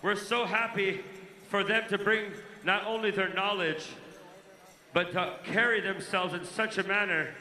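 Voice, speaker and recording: A man working as a powwow emcee, announcing introductions and calling people up with drawn-out names. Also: sits high, steady tone, pushed and bright. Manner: announcer-like, drawn-out names, honoring dancers and guests. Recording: echoey sound system, faint background noise.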